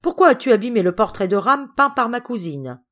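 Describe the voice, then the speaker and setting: A woman reading the lines of an anxious, earnest father in an audiobook, pleading and quick to indignation. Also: fairly low pitch, lively intonation. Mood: indignant. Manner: pleading, earnest, easily upset. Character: gentle anxious aristocratic father, middle-aged man.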